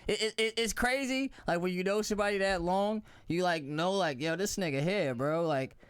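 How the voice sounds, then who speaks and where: Laid-back, higher-voiced man rambling. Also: moderate pace, clear, resonant tone, no room sound. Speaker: radio podcast co-host. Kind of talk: casual chat.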